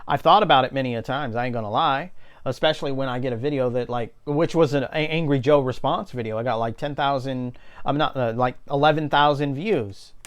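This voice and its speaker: A man's voice: mid-range voice, fairly quick, clean tone. A man giving a casual, unscripted opinion rant, blunt and indignant, swearing often. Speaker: video creator giving commentary.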